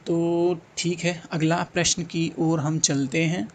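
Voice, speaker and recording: A man's voice: on the high side, little pitch movement, slow, a little hiss or hum. A man teaching an exam-prep lesson, thinking aloud, repeating sounds and answer options and urging students to answer. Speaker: Hindi exam tutor.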